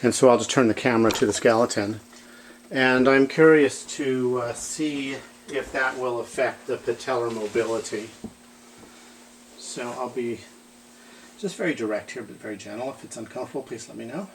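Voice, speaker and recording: Calm male therapist explaining a demonstration. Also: mid-range voice, normal speed, slight background noise, rough recording. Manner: calm, explanatory, speaks gently to the patient. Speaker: manual physical therapist. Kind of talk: clinical demonstration. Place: treatment room.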